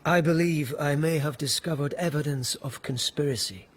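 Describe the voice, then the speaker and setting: Voicing an intense, persistent palace policeman for a radio drama, a man speaks with earnest formality and careful politeness, sounding respectful yet resolute. His natural-sounding voice is fairly high and moderately paced, with slight background noise.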